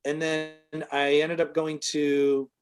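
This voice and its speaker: A man's voice: fairly high pitch, monotone, slow. A middle-aged man telling a long, casual story as an interview guest, full of fillers, and livelier when he quotes other people.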